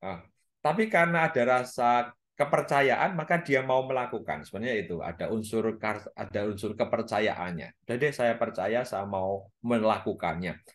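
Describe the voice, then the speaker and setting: A man, a priest, giving an informal sermon at a prayer meeting, talking in a relaxed, chatty way with fillers and the odd laugh. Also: on the low side, moderate pace.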